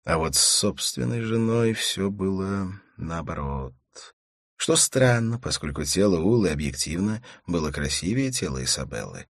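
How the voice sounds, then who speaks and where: A man giving scripted audiobook narration in a measured, steady way. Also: sits low, no room sound, studio quality. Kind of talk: scripted narration of a crime novel.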